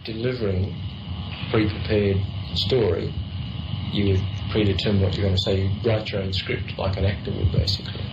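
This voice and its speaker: A man in a recorded interview speaks deliberately, his voice very low and flat. He sounds distant from the mic. The recording is dull with clear background noise. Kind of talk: recorded conversation. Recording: muffled, noisy, distant recording.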